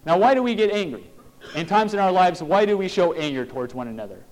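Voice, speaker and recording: Man, sermon, earnest, plain-spoken, slightly high pitch. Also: lively intonation, quick pace, low-quality recording. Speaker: preacher.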